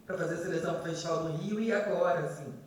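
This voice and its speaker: A man's voice: fairly high pitch, quick pace. A man in the audience asking a friendly, musing question at a panel after a screening. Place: screening hall. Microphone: distant hall microphone. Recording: echoey hall from far off.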